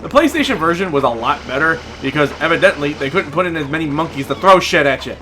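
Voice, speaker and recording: A man's voice: fairly high pitch, lively intonation, fast, bright, forceful tone, a little hiss or hum. A man giving exasperated, sarcastic and profane commentary as he reviews a video game.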